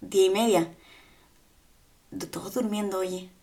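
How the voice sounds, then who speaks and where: A young Chilean woman co-hosting a podcast, telling stories in a lively, slangy, laughing way. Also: medium pitch, unhurried, vocal fry. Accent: Chilean Spanish. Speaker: podcast co-host. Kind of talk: casual chat.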